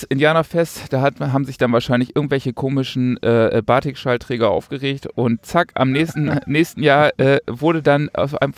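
A man with a gravelly, fry-tinged voice chats on a podcast, mocking and sardonic, stringing thoughts together with plenty of "äh" and "ähm". The sound is close and dry, with no room around it. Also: medium pitch, a little mellow, no room sound. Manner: sarcastic, rambling with many fillers. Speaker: podcast co-host. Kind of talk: casual chat.

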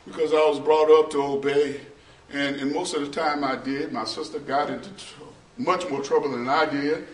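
A middle-aged male pastor preaching a sermon in a small church. He preaches slowly and builds to shouting, half-sung peaks. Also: a little high, flat delivery. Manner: slow, preachy, rises to shouting and half-singing. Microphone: far camera, no mic seen. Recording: roomy church echo from far off.

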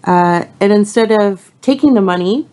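A woman reading passages from a novel aloud and summarizing the chapters as a teacher, unhurried, with frequent ums between passages. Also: medium pitch, warm tone, clean tone.

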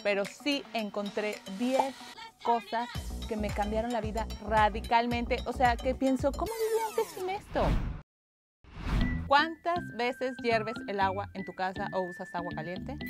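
A woman in her thirties, hosting a lifestyle show, reviews kitchen gadgets in a fairly high, animated but unhurried voice. On a bright indoor studio set with gadgets laid out on a table, she chats to camera, asks herself questions, and answers them in sassy asides. A lapel mic picks her up over background music.

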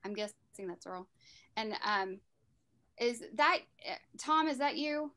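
Bright-voiced woman moderating a video call. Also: on the high side, expressive, slow. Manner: friendly, loose, full of ums. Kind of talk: casual online meeting intro.

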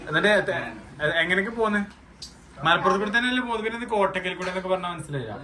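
A man's voice: high voice, animated, rapid-fire, crowd noise, low-quality recording. A young man with a Malappuram Malayalam accent, vlogging in casual chat from inside a moving car and teasing with lots of questions. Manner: chatty, teasing, keeps prodding with questions. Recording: loud car road noise.

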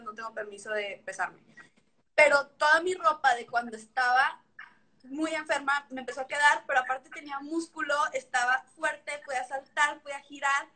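Bright, high-voiced Mexican woman. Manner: animated storytelling, acts out remembered dialogue. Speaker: guest, former figure skater. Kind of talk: casual video chat. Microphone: video call.

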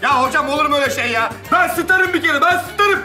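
An actor playing a boastful, dramatic young drama student in a sitcom. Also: male voice, very high-pitched, fairly quick, sharp tone, soft background music, exaggerated voice. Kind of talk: sitcom acting.

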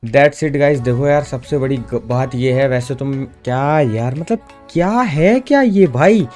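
A young gaming vlogger scolds a friend in casual chat, repeatedly saying "bhai" and "yaar." His mid-range voice is animated, unhurried and a little mellow, with faint music in the background.

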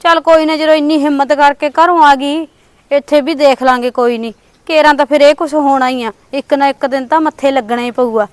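A woman's voice: high voice, fairly even intonation, brisk, no room sound, lightly acted. A woman playing an anxious young married sister who hesitantly thinks aloud in a family short drama. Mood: hopeful. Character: anxious young married sister wanting to visit her brother. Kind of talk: family short-video acting.

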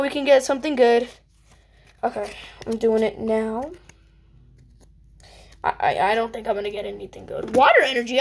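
A woman vlogging casually as she opens trading cards, chatty and excitable, swinging quickly between groans and cheers. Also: sits high. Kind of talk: casual unboxing chat.

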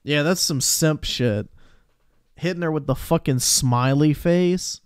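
Young guy streamer trash talking on stream, swears a lot, clean crisp voice. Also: a little high, takes it slowly, no room sound, clean studio sound. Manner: profane, slangy and scornful. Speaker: streamer reacting to videos. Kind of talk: casual live-stream reaction commentary.

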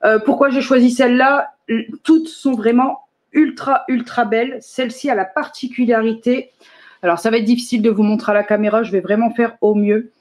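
A woman's voice: on the high side, steady tone, a little fast, a little mellow. Chatty woman from France hosting a casual live demo, laughs often, corrects herself. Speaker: host of a live product demo. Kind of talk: casual live stream chat.

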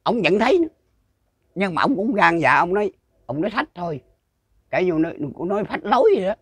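In a casual folk-storytelling interview, an older man with a Southern Vietnamese accent tells a rural ghost story, rambling, repeating himself and often restarting. His slightly high, fairly bright voice has a breathy edge, and he sounds very animated and a little fast. The recording is close and dry, with no room echo.

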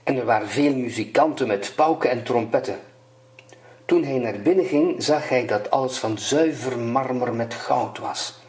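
An older man reading a fairy tale aloud as a storyteller, slow and measured. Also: medium pitch, darkish tone. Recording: roomy echo.

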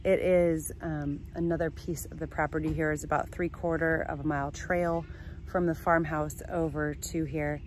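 Out on a sunny farm, a woman in her forties records herself for a casual travel vlog, phone at arm's length. Her voice is deep and darkish with little pitch movement and a normal pace, and slight background noise can be heard as she chats upbeat with fillers.

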